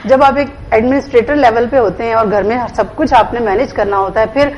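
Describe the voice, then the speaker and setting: A woman guest on a talk show who speaks in a measured way and mixes English words into her talk. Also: a little high, darkish tone, highs cut off, slight background noise. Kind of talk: casual chat.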